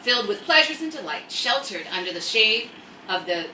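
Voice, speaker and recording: A fairly high, sing-song, sharp-toned woman speaking at a moderate pace hosts a casual livestream story time. She is American, a first-language English speaker, and fills it with rambling, jokey asides and reading aloud. Faint noise and roomy echo come through a distant mic.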